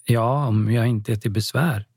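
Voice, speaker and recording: A man voicing a shy, easily embarrassed young woman, timid and hesitant, with a husky, dry sound. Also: medium pitch, a little mellow, dry recording, lightly acted.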